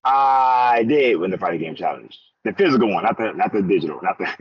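A man's voice: on the low side, lively intonation, brisk, muffled recording. A man chatting casually and jokingly with friends, in laid-back slang. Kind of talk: casual chat.

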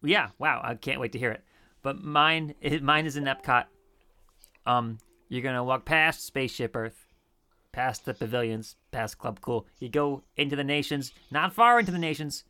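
A man's voice: medium pitch, fairly even intonation, normal speed, bright, forceful tone. A man co-hosting a podcast, chatting casually and acting out quoted lines with laughter. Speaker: podcast co-host. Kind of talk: casual chat.

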